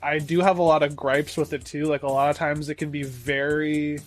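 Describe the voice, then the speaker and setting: A man with a somewhat high voice co-hosts a casual podcast chat. He talks in an enthusiastic, profane, rambling way, leaning on fillers, and faint music sits behind him. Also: level tone, fairly quick. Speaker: podcast co-host.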